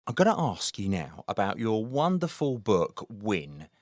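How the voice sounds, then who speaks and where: A man hosting a podcast interview, enthusiastic and quick to laugh. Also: lowish voice, sing-song, darkish tone. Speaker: podcast host. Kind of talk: conversational interview.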